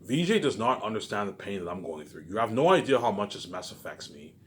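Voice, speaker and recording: He's a vlogger whose fairly low, sing-song voice moves a little fast as he rambles casually, repeating himself and cursing often. Emphatic outbursts keep trailing off into muttered tags, and noise is clearly audible behind him.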